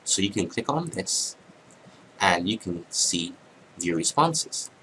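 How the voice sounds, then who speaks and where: Man, deep voice, hoarse and congested, software tutorial voice-over, halting with ums, faint background hum. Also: big pitch swings. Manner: casual, halting, many ums. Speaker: tutorial narrator. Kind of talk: screen-recorded software tutorial.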